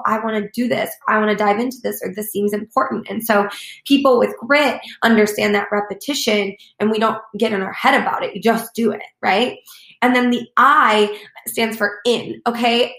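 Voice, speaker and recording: A woman's voice: fairly high pitch, fairly bright tone, reverberant. A woman giving a chatty motivational talk as a network marketing coach, full of fillers like "like" and "you know," acting out the voices she quotes.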